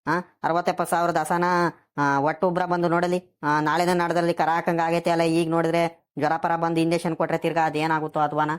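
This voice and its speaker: A woman's voice: deep voice, little pitch movement, brisk, clear, resonant tone, close to an everyday voice. A woman voicing a scolding old village grandfather. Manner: scolding, lecturing.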